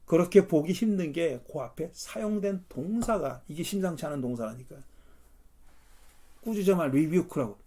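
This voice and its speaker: A man leading a Bible study as pastor, explaining verses in an animated way and acting out the lines he quotes. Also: a little high, moderate pace, a little hiss or hum. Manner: animated, acts out quotes with rising intensity.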